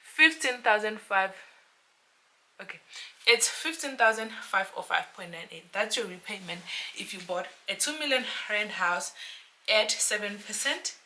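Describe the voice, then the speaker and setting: A South African woman, a real estate agent, chatting to camera in a casual explainer vlog, animated and talking to her viewers like friends. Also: medium pitch, a little slow. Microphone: camera mic, self-filmed.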